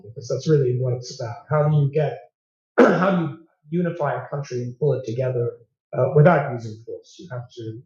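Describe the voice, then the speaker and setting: A man moderating a panel discussion, calm and measured, opening the floor to the audience. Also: mid-range voice. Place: lounge at a press club, indoors. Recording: echoey room, dull sound.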